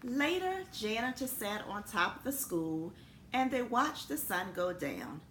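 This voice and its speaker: A school principal reads a picture book aloud to students, her delivery animated and expressive. Her fairly high voice keeps a measured pace. The room is echoey, with noticeable background noise.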